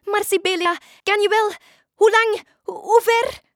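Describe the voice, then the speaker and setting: A woman voicing a captured witch, anxious and excitable, with shrill, fretful questions. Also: moderate pace, no room sound, clean studio sound, lightly acted.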